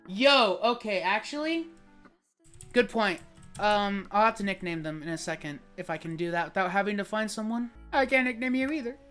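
A woman's voice: medium pitch, fairly bright tone. Brief: woman let's-play streamer, slangy and profane, chatting to chat over faint background music. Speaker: gaming streamer. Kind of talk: casual let's-play commentary. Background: game music.

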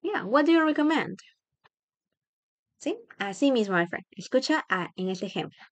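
A woman teaching English phrases in a bilingual lesson, repeating each phrase and warmly praising the learner. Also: mid-range voice, big pitch swings, moderate pace, no echo.

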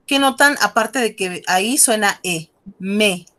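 A woman's voice: medium pitch, unhurried, a bit bright. Friendly teacher woman. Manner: friendly, coaxing, switches between Spanish and French. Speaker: French teacher. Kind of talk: online class teaching. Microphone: video call.

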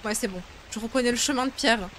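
Higher-voiced young woman, jumpy horror game streamer. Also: quick pace, fairly bright tone, a little hiss or hum, rough recording. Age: young adult. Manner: jumpy, grumbling to herself, swearing. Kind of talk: casual let's play commentary. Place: indoor room at home. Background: game music and rain sounds.

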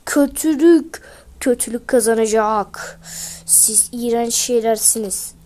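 A woman's voice: on the high side, takes it slowly, warm tone, pitched below the performer's own voice. A woman voicing a huge, hostile male ice golem who snarls threats and insults in a game video. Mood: gloating.

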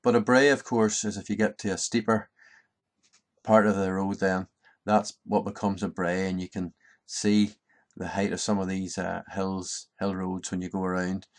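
Low-voiced County Antrim man, middle-aged. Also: little pitch movement, normal speed. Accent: Northern Irish (County Antrim). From Ballycarry, County Antrim, Northern Ireland. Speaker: presenter explaining local language and place names. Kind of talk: informal explanatory talk. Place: small book-lined study, indoors.

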